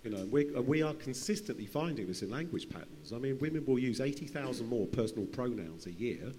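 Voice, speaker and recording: A man speaks off the cuff in an unscripted conference panel discussion, often repeating and restarting phrases. His voice is medium-pitched, animated and quick. The session is in a large room, with hall reverb, faint hum and noise in the recording.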